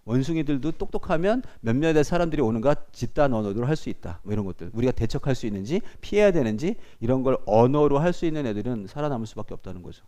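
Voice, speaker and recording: A man's voice: medium pitch, quick pace, hardly any pauses. A man teaching a class, lecturing to students and often checking in with them. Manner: animated, addresses students directly with frequent checks.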